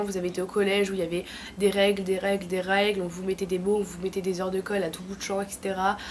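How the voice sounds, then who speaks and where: In a relaxed vlog, a late-teen woman from France gives loose, slangy advice in a mid-range voice made thick and scratchy by tonsillitis. She is sick with a throat infection, and a faint hiss or hum can be heard.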